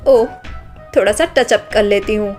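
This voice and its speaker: A woman's voice: medium pitch, moderate pace, a little mellow, soft background music, lightly acted. A woman voicing an arrogant, spoiled young woman from a rich family who scolds and sneers, in a storybook drama. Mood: haughty scolding.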